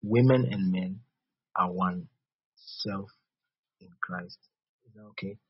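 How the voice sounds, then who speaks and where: A man preaches in a low, very husky voice with a West African accent. He teaches step by step, repeating his phrases and checking that listeners follow. The recording is dull and dry. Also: slow, no echo. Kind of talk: sermon.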